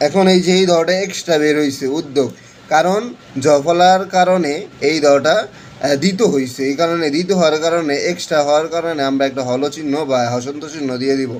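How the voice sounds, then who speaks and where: A man teaching pronunciation in an online lesson, slowly repeating his explanations with frequent fillers. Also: on the high side, darkish tone, poor audio. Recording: faint background noise.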